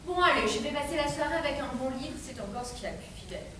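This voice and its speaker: A grand, world-weary lady acted by a woman talks in a high voice with dry, formal irony, as in a theatre comedy. The recording is distant, with heavy echo and clear background noise. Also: very fast, lightly acted. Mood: resigned. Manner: theatrical, formal, dryly ironic. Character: grand, world-weary lady of the house, exasperated then resigned. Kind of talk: theatrical stage comedy acting. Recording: distant, very echoey, noisy stage recording.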